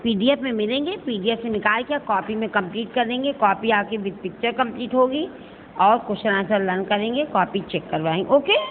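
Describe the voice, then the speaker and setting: A woman's voice: a little high, a little fast. Patient woman teacher on a tinny recording. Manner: patient, explains step by step, addresses students as beta and checks if they understand. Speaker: school Hindi teacher. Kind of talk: recorded online lesson going through a worksheet. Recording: echoey, tinny phone-like recording with faint hiss.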